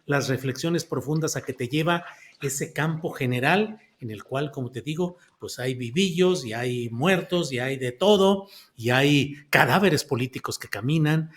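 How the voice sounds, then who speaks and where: A man hosting a political panel discussion, putting questions to guests by name and reading quotes aloud. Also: medium pitch. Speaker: host.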